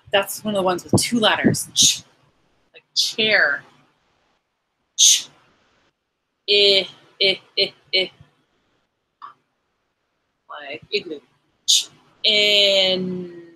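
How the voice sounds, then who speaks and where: A woman teacher giving a phonics lesson to young children, sounding out words slowly and encouragingly. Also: fairly low pitch, pushed and bright, rough recording. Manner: slow, clearly segmented sounds, encouraging.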